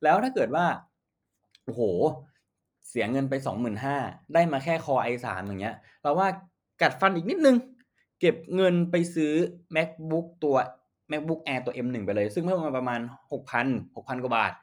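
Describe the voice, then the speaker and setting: A young man talks through a casual solo podcast at a middle pitch. He is chatty and slangy, often correcting himself, and leans hard on emphatic words when he gives buying advice. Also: animated, moderate pace. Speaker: podcast host. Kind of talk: casual tech advice rant.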